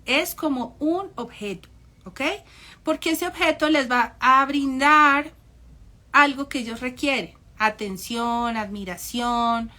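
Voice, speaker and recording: A woman's voice: high voice, slow, sharp tone. A woman giving an informal, conversational talk on narcissistic parents, often ironic and acting out the voices she quotes. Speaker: psychology speaker.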